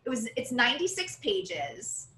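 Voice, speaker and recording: A woman's voice: fairly high pitch, big pitch swings, measured pace, sharp tone, reverberant, a little hiss or hum. A woman co-hosting a podcast in casual chat, chatty and giggly, with loose asides and running commentary. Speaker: podcast co-host.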